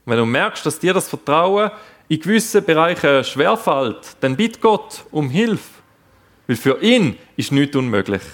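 A man's voice: fairly high pitch, sing-song, measured pace. A man preaching a sermon, speaking earnestly and addressing the listeners directly.

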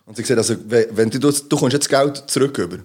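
A man's voice: mid-range voice, fast talker, darkish tone, husky. A man with a Swiss German accent, chatting casually as a podcast co-host and rambling through stories with many fillers. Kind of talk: casual chat.

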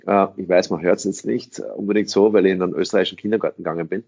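Very fast and low, with fairly even intonation, a slightly mellow quality and a breathy edge, a middle-aged man speaks English. He is a sales trainer answering interview questions emphatically, repeating phrases and asking rhetorical questions. Recording quality is dull and lo-fi.

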